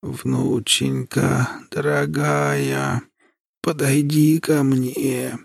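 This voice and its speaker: A frail, feverish old grandmother, acted by a man pleads in a weak, wheezing voice that drags out every word. Her tone is gravelly and breathy and swoops widely in pitch. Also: sing-song, dry recording, clean studio sound, heavily acted. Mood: feeble, pleading. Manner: slow drawn-out pleading.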